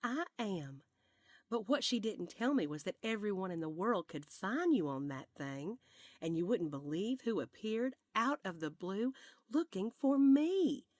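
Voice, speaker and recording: A woman voicing a spirited, sweet elderly grandmother with a Southern accent, speaking in a lively, drawn-out, sing-song way. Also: mid-range voice, no room sound, clean studio sound. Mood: cheerful. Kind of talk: audiobook character voice.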